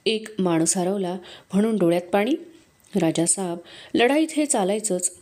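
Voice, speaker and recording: A woman reading aloud, voicing a smooth, persuasive male nobleman who speaks in a coaxing way. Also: medium pitch, moderate pace, darkish tone, lightly acted. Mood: consoling.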